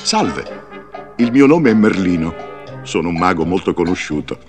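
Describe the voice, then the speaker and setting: A wise old wizard with a low, rumbling voice. He tells his storybook tale with big, swooping pitch and theatrical flair. Faint music plays softly behind him. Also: expressive, moderate pace. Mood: kindly. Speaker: storybook narrator in character. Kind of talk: read-along storybook narration.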